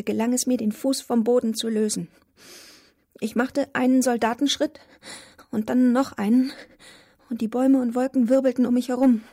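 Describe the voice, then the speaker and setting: Breathy, mellow woman narrating a story. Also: on the high side. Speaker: audiobook narrator. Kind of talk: first-person audiobook narration.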